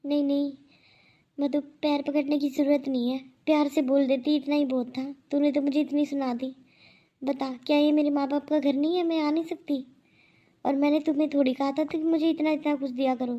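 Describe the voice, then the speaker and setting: A woman voicing a proud elderly aunt who scolds loudly and with indignation in a cartoon. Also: sits high, level tone, a little fast, highs cut off, close to an everyday voice. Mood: indignant.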